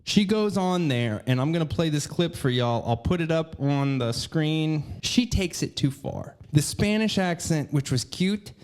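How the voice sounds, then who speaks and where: A man's voice: fairly high pitch, a little slow, few pauses, clear, resonant tone. A man hosting a podcast, ranting comedically in a crude, rambling way. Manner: crude, animated, rambling asides. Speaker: podcast host.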